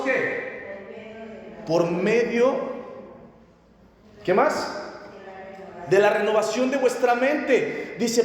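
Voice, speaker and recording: High-voiced preacher in echoey hall. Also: male voice. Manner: animated, asks the audience questions. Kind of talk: sermon.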